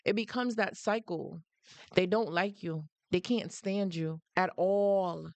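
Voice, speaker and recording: Hosting a relaxed livestream, this Jamaican-accented woman addresses her viewers in a lowish, slow, creaky voice with a somewhat dark tone and no room sound. She stresses and repeats her points, breaking off now and then to welcome newcomers.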